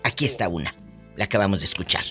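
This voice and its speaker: A woman's voice: a bass voice, lively intonation, rapid-fire, fairly bright tone, faint music behind. A Mexican woman hosts a gossip podcast, talking in a theatrical, teasing way. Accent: Mexican Spanish. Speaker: podcast host. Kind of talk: gossip talk show.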